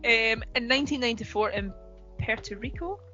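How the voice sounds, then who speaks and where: A woman's voice: on the high side, a little fast, sharp tone, muffled recording, soft background music. A woman co-hosting a podcast in casual chat, talking in a chatty, giggly way with lots of fillers. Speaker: podcast co-host.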